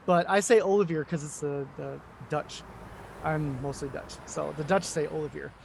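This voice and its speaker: A man from the United States talks loosely as a guest, his voice sitting high for a man. He wanders through his points with plenty of fillers and false starts. The tone is easygoing interview chat. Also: unhurried, creaky, background noise. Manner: rambling, many fillers and restarts. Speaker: guest, English teacher. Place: home in Korea.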